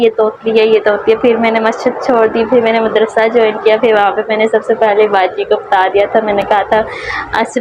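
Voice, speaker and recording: Young Pakistani woman, Pakistani Urdu accent, slightly high, short of breath, rambling vlog talk, muffled lo-fi audio. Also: noisy background. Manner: soft, rambling, many fillers. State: short of breath from a sore throat. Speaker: vlogger. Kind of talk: casual personal vlog.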